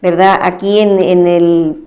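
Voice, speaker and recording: A woman's voice: fairly low pitch, flat delivery, warm tone. Woman preaching with constant tag questions. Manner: repeats a tag question after nearly every phrase; halting, with many restarts. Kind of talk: Bible reading and preaching.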